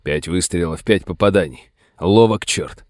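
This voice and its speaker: A man's voice: low-pitched, measured pace, no echo, studio quality. A man playing a tough middle-aged sheriff who gives curt, commanding orders in a gunfight. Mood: grim.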